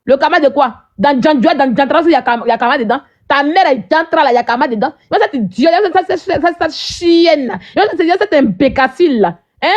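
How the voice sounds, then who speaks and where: A woman's voice: high-pitched, expressive, fairly quick, few pauses, highs cut off. A woman hosting a live stream, ranting at her viewers in a combative, mocking way and often asking "hein?".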